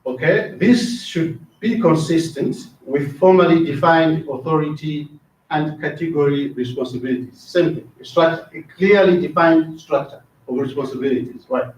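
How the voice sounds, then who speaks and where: A trainer from Zambia lectures a classroom at a moderate pace, his voice on the high side with a darkish tone. He asks the class questions, repeats words, and often says "right?" The room is echoey and the sound dull, captured by a distant mic.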